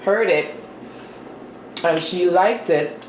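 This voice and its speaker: Slow, roomy mukbang vlogger chatting. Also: medium pitch. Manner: eats while talking, with chewing and mm-hmm sounds; chatty and self-deprecating. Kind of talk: casual eating vlog chat. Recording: roomy with faint ambient noise.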